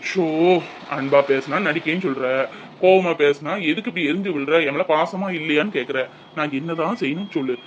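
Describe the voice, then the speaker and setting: A man's voice: a little high, fairly quick, a bit bright, muffled recording, slight background noise, lightly acted. A man voicing a young husband who pleads and sweet-talks his upset wife. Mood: coaxing. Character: coaxing young husband Vikram, wheedling. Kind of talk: Tamil audio drama.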